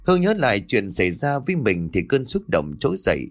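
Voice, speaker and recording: A man narrating a dramatic, suspenseful audio story in an expressive way. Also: medium pitch, a little fast, no room sound.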